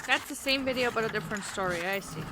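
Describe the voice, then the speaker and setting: A woman's voice: medium pitch, expressive, fast, noisy background. A woman streamer giving casual, skeptical reaction commentary in a blunt, wry way.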